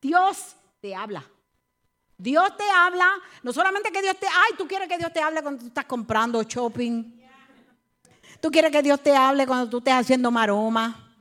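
A high-pitched middle-aged woman delivers an impassioned sermon. She moves from hushed, intimate storytelling to loud, pressing calls to the congregation. English words slip into her now and then. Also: animated, moderate pace. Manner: impassioned, swings between soft storytelling and loud exhortation; mixes English words into Spanish. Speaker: preacher.

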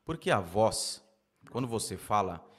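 A man hosting a podcast, chatting casually in a slangy, animated way. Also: fairly low pitch, a little slow. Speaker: podcast host.

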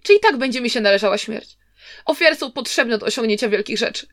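A woman's voice: high voice, expressive, a little fast, dry recording, clean studio sound, pitched above the performer's own voice. A woman voicing a scheming young nobleman who pleads and questions defensively. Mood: plaintive. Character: scheming young nobleman, plaintive and self-pitying.

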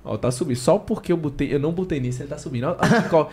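A man's voice: fairly high pitch, rapid-fire. A man hosting a podcast, giving a playful, joking sponsor read and explaining it step by step. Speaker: podcast host.

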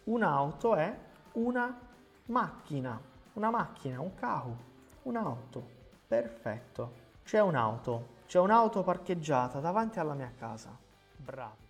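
A man teaching Italian to beginners, repeating example sentences slowly and patiently. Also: on the high side, big pitch swings, soft background music. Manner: slow, repetitive drilling of example sentences. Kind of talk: beginner language lesson.

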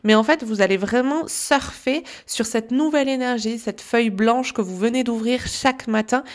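A female wellness coach with a slightly high voice offers casual advice to her listeners. She's chatty and pauses often, filling gaps with "euh" and "hop".

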